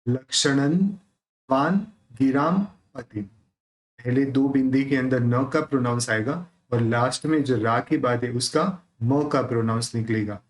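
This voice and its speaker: An Indian man teaching a devotional hymn, chanting each verse line by line at an unhurried, deliberate pace. His pitch sits in the middle for a man, and he moves between slow recitation and brisk explanation. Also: fairly even intonation, poor audio. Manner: chants verses slowly, then explains quickly. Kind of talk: pronunciation lesson.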